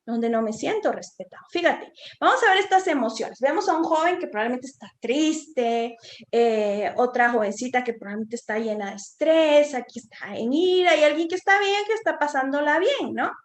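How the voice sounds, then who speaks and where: A woman's voice: sits high, expressive, normal speed. A woman, a psychotherapist giving an informal talk to parents, conversational, often checking in with tag questions. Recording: echoey room.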